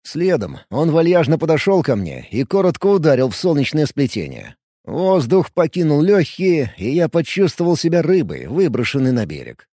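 A man reading a first-person story aloud in a lively storytelling way. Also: a little high, normal speed, no echo, clean studio sound. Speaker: audiobook narrator.

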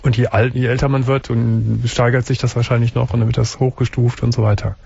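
A man's voice: medium pitch, little pitch movement, fairly quick, vocal fry, darkish tone, breathy edge. A man hosting a late-night call-in radio show, asking callers friendly, direct questions. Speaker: radio talk show host. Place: radio studio. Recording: dull, lo-fi radio broadcast.

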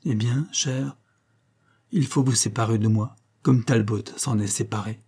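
A man's voice: medium pitch, a little slow, mellow, breathy edge. A man reading aloud, voicing a proud troubled young wife who answers her husband tersely and coldly. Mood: guarded, cold. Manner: terse, guarded replies.

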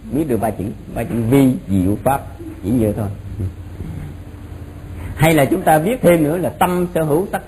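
A man's voice: a little high, warm tone, poor audio. A man giving an informal explanatory religious lecture, often repeating phrases for emphasis. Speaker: Buddhist monk teaching a doctrine class. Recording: noticeable background noise.

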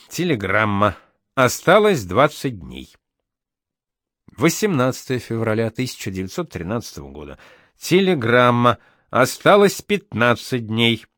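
A man reading old letters and telegrams aloud, with expressive, animated intonation. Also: mid-range voice, no echo, studio quality. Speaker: reader.

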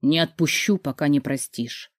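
Brief: woman reader doing a lowered, soft young man's voice, begging forgiveness, close and dry. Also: moderate pace, no room sound. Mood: remorseful whisper. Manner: quiet, pleading, guilty. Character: remorseful young man, the heroine's brother.

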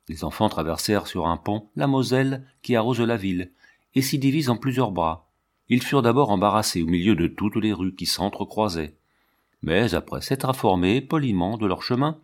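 A man narrating a storybook aloud in a measured, even reading voice. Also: lowish voice. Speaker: audiobook reader.

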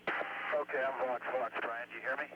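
An astronaut in orbit talking matter-of-factly over a breaking-up space radio downlink, explaining things step by step. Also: male voice, medium pitch, fairly even intonation, normal speed. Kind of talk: live air-to-ground radio exchange. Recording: muffled, heavily hissing radio downlink.

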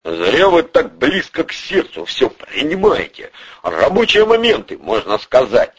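A man's voice: mid-range voice, wildly swooping pitch, measured pace, a bit bright, slightly rough, pitched above the performer's own voice, full character voice. A man voicing a tense, middle-aged police colonel who answers tersely and defensively. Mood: guarded. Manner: terse, muttered, defensive replies. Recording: dull lo-fi recording.

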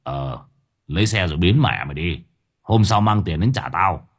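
A man doing a gruff cursing old gangster. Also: low-pitched, animated, normal speed, voice pushed down, exaggerated voice. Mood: scornful. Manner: coarse, cursing, growling. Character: gruff older male gangster bar owner.

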